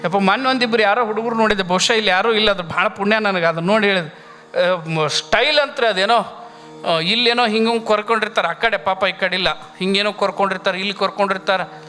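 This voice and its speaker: High-voiced storytelling preacher. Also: male voice, fast, bright, forceful tone. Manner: storytelling with acted-out quotes and folksy asides. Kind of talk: humorous sermon.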